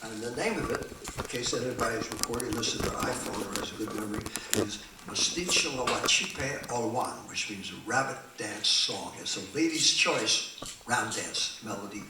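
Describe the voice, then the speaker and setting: A man from the Philadelphia area spins a rambling, animated story on stage, his pitch rising and falling freely. The sound is heavily echoey and picked up from a distance in a small cafe. Background noise sits clearly under the voice. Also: normal speed. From Philadelphia area, USA. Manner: animated, digressive, with restarts. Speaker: musician and storyteller. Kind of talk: live storytelling between songs. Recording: echoey, distant, noisy live room.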